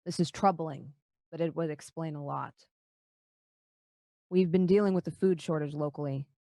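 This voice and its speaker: A woman's voice: low-pitched, steady tone, normal speed, mellow, no room sound, studio quality, pitched below the performer's own voice. A woman voicing a pompous, exasperated male dwarf town leader with a formal, blustering manner in a tabletop game. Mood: grave, dismissive.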